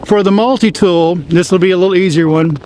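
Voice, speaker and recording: A man hosting a wildlife photography channel, outdoors at dusk, cold and talking fast as he explains a giveaway in a casual, repetitive way. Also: high-pitched, steady tone, warm tone, slight background noise, rough recording. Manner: chatty, repeats instructions, talks fast.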